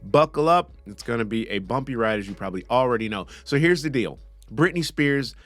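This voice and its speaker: A man's voice: medium pitch, expressive, a little fast, fairly bright tone, no echo, soft background music. A man hosting a podcast, delivering sarcastic commentary with a mocking, snarky manner. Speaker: podcast host.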